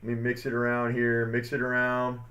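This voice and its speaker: A man's voice: medium pitch, monotone, normal speed, pushed and bright. A man co-hosting a sports podcast in casual chat, rambling with lots of fillers and upbeat hype. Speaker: podcast co-host. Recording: dull lo-fi sound.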